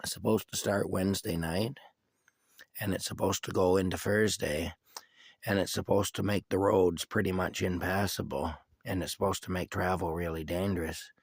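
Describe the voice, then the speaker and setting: Low-voiced sick man rambling. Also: steady tone, husky, no room sound. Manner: rambling and halting, with frequent restarts and coughs. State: sick with a cough. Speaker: vlogger giving a personal update. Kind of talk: casual rambling video update. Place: inside his camper.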